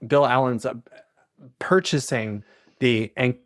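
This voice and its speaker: A man's voice: mid-range voice, fairly even intonation, slow pace. A man hosting an interview, asking short curious questions and adding brief comments. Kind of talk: conversational interview.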